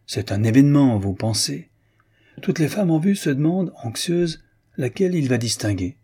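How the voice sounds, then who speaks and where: Guy doing a sly chatty society lady, pitched up, husky, mocking gossip, audiobook. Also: animated, moderate pace, dark tone. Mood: teasing. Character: teasing, chatty aristocratic Parisian woman. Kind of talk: audiobook reading.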